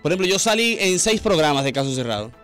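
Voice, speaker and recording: A man's voice: fairly high pitch, sing-song, fast, a bit bright, soft background music. A male radio host with a Dominican accent, reading gossip news items and joking with his co-hosts in casual chat. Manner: chatty, reads news items then jokes with co-hosts. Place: radio studio.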